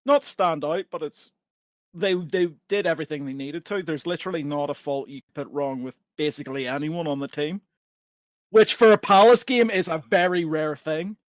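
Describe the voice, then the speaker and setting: London male co-host, high-pitched, dry close-mic sound, sarcastic banter. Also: normal speed, no room sound. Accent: London English. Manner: sarcastic, swears freely. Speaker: podcast co-host. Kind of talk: casual chat.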